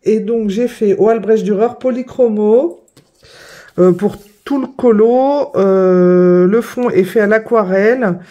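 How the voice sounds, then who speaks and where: A woman's voice: medium pitch, slow, dark tone, muffled recording. Hesitant woman showing her coloring. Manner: hesitant, many fillers and self-corrections. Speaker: coloring hobby vlogger. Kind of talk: casual show-and-tell.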